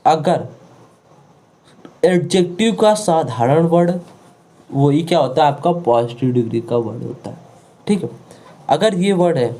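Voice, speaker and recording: Man drilling a grammar lesson, mellow voice. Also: high-pitched. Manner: repetitive, drilling words over and over; checks in with rhetorical questions. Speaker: teacher.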